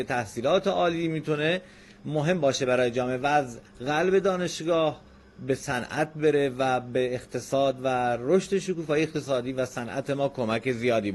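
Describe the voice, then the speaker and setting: Polite, formal male radio host. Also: mid-range voice.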